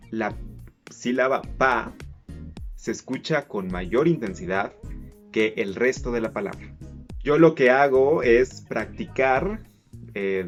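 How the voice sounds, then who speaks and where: A man's voice: medium pitch, highs cut off. A man teaching casually, stretching words out syllable by syllable to show how they sound. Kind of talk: casual explainer lesson.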